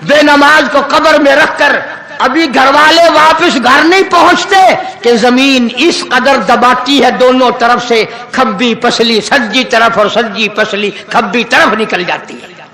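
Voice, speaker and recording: Pakistani urdu preacher guy, super high voice, slow chanted arabic verses, big echoey hall. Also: pushed and bright. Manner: chanting drawn-out Arabic verses between rapid rhetorical questions. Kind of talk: impassioned Islamic sermon.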